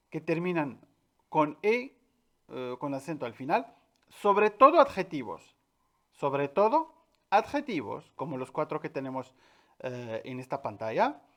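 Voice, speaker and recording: A man teaching a French pronunciation lesson, clear and patient, repeating each example word slowly and with stress. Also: on the high side. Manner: addresses viewers directly, with filler "eh". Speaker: language teacher.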